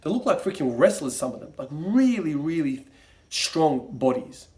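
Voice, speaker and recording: This fitness vlogger, a young man from Croatia who grew up in Australia, speaks at a moderate pace in a fairly high, darkish voice with big swings in pitch. His casual talk to camera wanders, packed with fillers and false starts.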